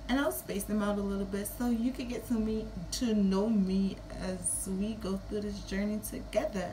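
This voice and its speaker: A woman's voice: mid-range voice, background noise. A woman in her early twenties with a Kittitian-Nevisian Caribbean accent, chatting casually and playfully to camera. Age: early 20s. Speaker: vlogger. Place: small room at home.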